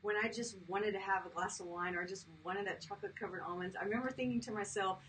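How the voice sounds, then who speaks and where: A woman's voice: medium pitch, fairly even intonation, fast talker, a bit bright. Chatty fifty-something woman guest, laughs easily, recorded from a distance. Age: 50s. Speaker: guest, chiropractor. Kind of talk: casual interview talk. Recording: distant mic with faint background noise.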